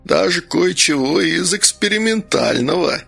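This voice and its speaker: A man voicing a hoarse, bearded male guardsman who talks matter-of-factly in folksy speech. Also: a little high, expressive, measured pace, bright, forceful tone, pitched above the performer's own voice, full character voice. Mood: wry.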